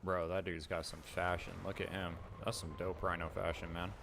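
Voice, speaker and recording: A man's voice: low-pitched, little pitch movement, moderate pace, gravelly, background noise. A man streaming a video game, chatting in a laid-back, casual way as he plays. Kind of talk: casual gameplay commentary.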